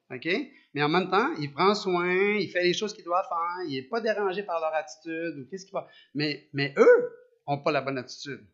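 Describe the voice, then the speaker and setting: A man with a Quebec French accent preaching a sermon, animated, asking rhetorical questions and often restarting his sentences. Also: on the high side. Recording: dull lo-fi recording.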